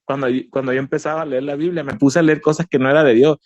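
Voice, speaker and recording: Guy telling his faith story, earnest, keeps saying brother, kinda high voice, dry sound. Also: steady tone, fast talker, no echo, lo-fi sound. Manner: earnest, repeats himself, addresses the listener as brother. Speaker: guest giving a faith testimony. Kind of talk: emotional personal testimony.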